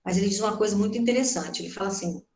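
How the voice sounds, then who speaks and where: A woman's voice: medium pitch, racing, a little mellow. A middle-aged woman with a Brazilian Portuguese accent gives a doctrinal lecture at a spiritist center. She talks in a conversational way and keeps asking her listeners rhetorical questions. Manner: conversational, asks the audience many rhetorical questions. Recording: roomy hall echo.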